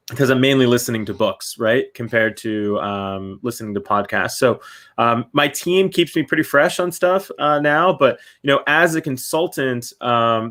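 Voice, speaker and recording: A man's voice: mid-range voice, a bit bright. A man, a company CEO, answering interview questions loosely with many fillers.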